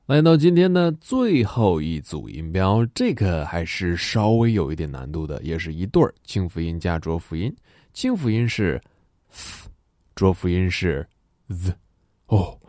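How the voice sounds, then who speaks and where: A man teaching a pronunciation lesson, demonstrating sounds slowly and deliberately and joking along the way. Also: sits low, mellow, dry recording, studio quality.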